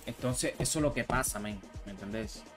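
A man's voice: mid-range voice, a little fast, over music. A young man, chatting casually with viewers while streaming a fighting game, slangy and repetitive. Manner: slangy, repeats himself, greets viewers. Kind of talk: casual live-stream chat while gaming.

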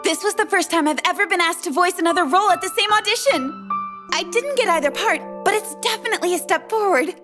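A woman's voice: very high-pitched, fast talker. A woman voicing a peppy, upbeat young woman in an anime dub. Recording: loud background music.

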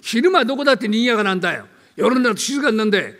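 An older man from Tokyo with a downtown Tokyo accent, playing a brash, bullying male tenant in a comic storytelling act, gruff and teasing. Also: very high voice, big pitch swings, very fast, a bit bright, big-room sound, exaggerated voice. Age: 70s. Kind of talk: rakugo storytelling.

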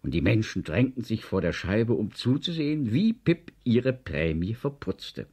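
A man from East Germany reading a children's story aloud, expressive and storytelling. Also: on the low side, breathy edge. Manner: lively storytelling, slow and expressive. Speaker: narrator.

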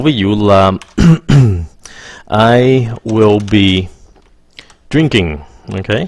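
A man teaching English in a casual video lesson, switching between languages, saying "ok" often and slowing down to model example sentences. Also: medium pitch, a little mellow, dry recording. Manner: mixes English phrases into explanations, repeats "ok" often.

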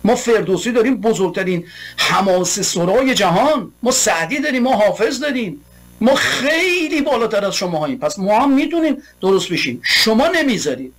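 A man's voice: high-pitched, big pitch swings, a bit bright. A man giving an impassioned political monologue, heated and rhetorical, building long repeated lists. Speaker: political commentator.

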